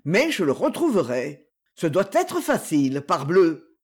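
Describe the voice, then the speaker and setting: A reader doing a cool, brisk gentleman. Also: medium pitch, huge pitch swings, husky, heavily acted. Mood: musing. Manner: brisk and commanding, then muttering to himself. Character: calm, mocking male gentleman in a night chase. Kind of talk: audiobook reading.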